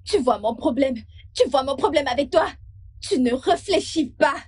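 A woman's voice: high-pitched, animated, normal speed, a little mellow. A woman dubbing a haughty young senator's daughter who speaks to her boyfriend with cutting scorn. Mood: scornful. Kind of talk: French dub of a film.

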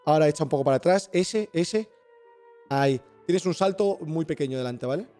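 A gaming streamer with a Spain Spanish accent patiently coaches a teammate through a video game, repeating step-by-step directions in a casual way. His voice is on the high side, a little fast and warm, with faint music behind him.

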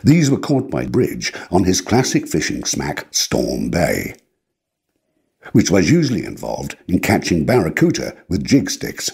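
A man narrating a historical documentary in a measured, formal way. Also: low voice, wildly swooping pitch, creaky, darkish tone, husky.

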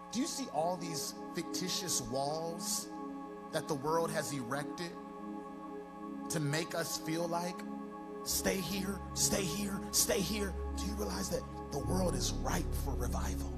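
A man's voice: on the high side, vocal fry. A man in his forties preaching a sermon as pastor on a church stage, into a handheld mic, with a rising, half-sung preaching cadence. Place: large church stage with band gear and audience. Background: music.

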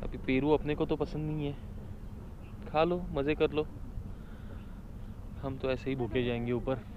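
A man's voice: mid-range voice, a little slow, phone-quality sound, heavy background noise. A man in his thirties talking casually as a travel vlogger, holding the camera at arm's length outdoors on a hilltop. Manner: chatty, excited while describing views. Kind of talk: casual vlog talk mixing Hindi and English. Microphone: camera held at arm's length.

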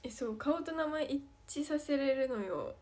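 Young woman, Kansai accent, high voice; casual, playful livestream chat, answering fan comments. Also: expressive, a little slow, a little mellow. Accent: Kansai Japanese. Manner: playful, chatty, reads comments aloud and answers.

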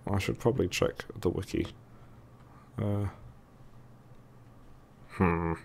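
A man's voice: low voice, steady tone, slow pace, vocal fry, a little hiss or hum. A man with a thick, sore-throated voice giving casual, hesitant let's play commentary, musing to himself as he goes. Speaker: gaming video host.

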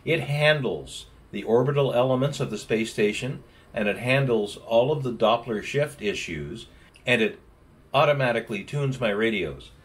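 An expressive man in his sixties speaks at normal speed in a mid-range voice. This radio amateur and vlogger gives laid-back explanatory commentary and radio call-outs from a small indoor home office. Sound comes from a camera a short distance away, in a noisy room.

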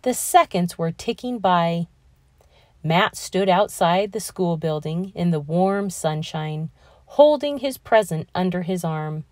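A woman narrates a children's story at an unhurried, slow pace. Her delivery is deliberate and expressive, with a middle pitch. The sound is dry, with very little room in it. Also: dry recording. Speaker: read-aloud narrator. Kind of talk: expressive children's picture book reading.

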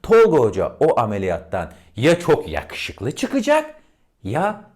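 A man giving a lesson on intonation, addressing his listeners as friends and demonstrating each example by swinging between deep and high tones. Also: wildly swooping pitch, slow pace, a little mellow. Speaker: voice and diction teacher.

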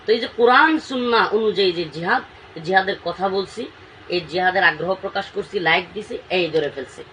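A man's voice: on the high side, fairly bright tone. A man, speaking as a cleric in an interview, emotional and pleading, with emphatic outbursts. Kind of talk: impassioned interview talk. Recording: distant mic with faint background noise.

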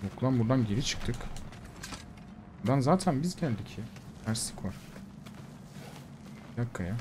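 A man giving casual let's-play commentary, swearing, talking back to the game and bursting out loudly. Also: mid-range voice, animated, normal speed, noisy background. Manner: swearing, talks back to the game, loud outbursts. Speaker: gamer streamer. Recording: loud game music behind.

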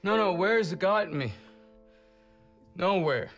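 A man's voice: high voice, animated, unhurried, fairly bright tone, soft background music. An actor playing an aggrieved, drunken hippie shopkeeper father in a film, drawling and accusatory. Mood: bitter despair. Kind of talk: film acting.

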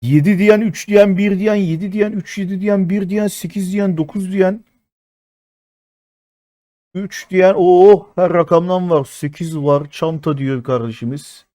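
Man in his 30s, game streamer, excitable, swears a lot, fairly high voice, dry close sound. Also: measured pace, dry recording. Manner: excitable, chatty with viewers, swears often. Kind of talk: live-stream game commentary.

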